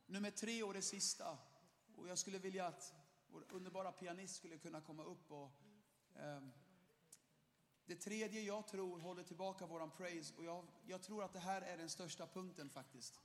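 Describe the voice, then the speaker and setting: High-voiced man preaching in a reverberant church. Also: slight background noise. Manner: animated, shouts in bursts, laughs often. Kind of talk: lively sermon. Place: church hall with long reverb.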